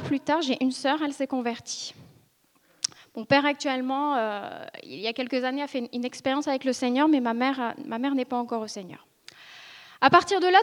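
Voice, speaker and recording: Long reverb from the hall surrounds this woman's high voice as she speaks. She's in her thirties, from northern France, offering personal testimony to her congregation in an earnest, hesitant way, with frequent pauses and restarts. She sits in a church ministry school meeting room, filmed for video.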